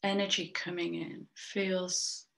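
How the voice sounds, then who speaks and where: A woman with a lowish, gravelly voice leads a spiritual tarot card reading. She muses slowly and often trails off mid-thought before picking it back up. Small breathy laughs slip in between her thoughts. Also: level tone, a bit bright. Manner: slow, musing, trails off and restarts. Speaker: tarot reader and soul coach.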